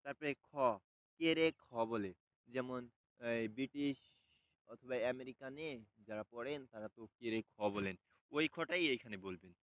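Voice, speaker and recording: A man giving a casual spoken lesson, unhurried and hesitant, often pausing on fillers and repeating sounds slowly for practice. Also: medium pitch, a bit bright, no echo, rough recording. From Bangladesh. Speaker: language teacher.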